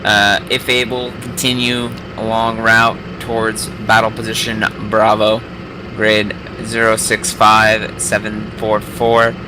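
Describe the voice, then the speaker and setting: Male commander for military radio traffic, formal and monotone, crackly noisy voice link. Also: fairly low pitch, takes it slowly. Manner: clipped, formal call-sign phrasing. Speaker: commander player in online military simulation.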